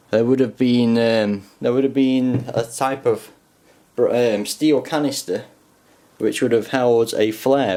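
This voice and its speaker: A man's voice: mid-range voice, darkish tone. A young man from the UK casually reviewing a collector's item, talking hesitantly with lots of ums and restarts. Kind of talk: casual show-and-tell review.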